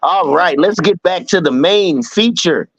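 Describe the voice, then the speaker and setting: A man's voice: high voice, expressive, unhurried, vocal fry, dry recording, low-quality recording. A man co-hosting a spiritual podcast, asking his guest direct, probing questions. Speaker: podcast co-host. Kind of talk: casual podcast chat.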